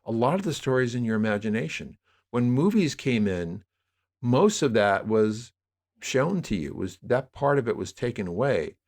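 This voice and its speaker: Here the podcast guest, an audio drama producer, has a mid-range, slightly dark voice with big swings in pitch and a moderate pace. He explains media history at length during a conversational interview, storytelling in a discursive and emphatic way.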